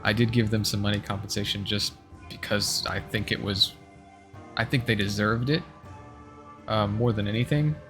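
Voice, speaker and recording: A man's voice: lowish voice, steady tone, normal speed, fairly bright tone, faint music behind. A man giving casual announcements as a live streamer, rambling a little and restarting his sentences to correct himself. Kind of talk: casual livestream announcements to viewers.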